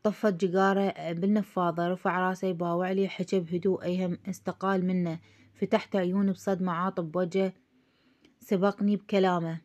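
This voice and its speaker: A woman's voice: fairly low pitch, flat delivery, fairly quick, a little mellow. A woman with an Iraqi accent narrating a story in the first person, reading steadily. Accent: Iraqi Arabic.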